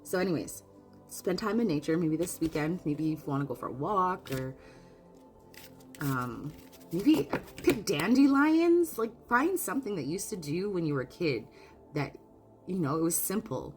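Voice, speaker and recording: A woman's voice: low-pitched, expressive, normal speed, soft background music. A woman giving a casual spoken oracle card reading, earnest and openly emotional, often restarting her sentences. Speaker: spiritual card reader.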